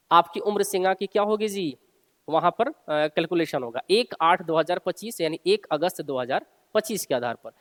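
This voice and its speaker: A male coaching teacher with a notably high voice speaks inside a long, hall-like reverb. He switches between reading formal text aloud and explaining it informally, teaching in an instructive way that repeats and rephrases key points for listeners.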